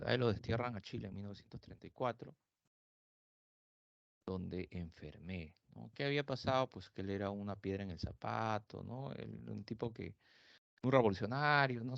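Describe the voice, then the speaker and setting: A male literature teacher from Peru gives a conversational lecture, full of tag questions. His voice is low and gravelly. The recording is dull and dry, with a lo-fi sound. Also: no echo.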